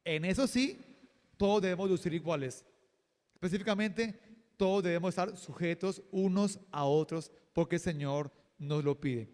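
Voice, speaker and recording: A man preaching a sermon as pastor, lively and joking, acting out quotes. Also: high-pitched, normal speed, big-room sound. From Colombia. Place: church hall.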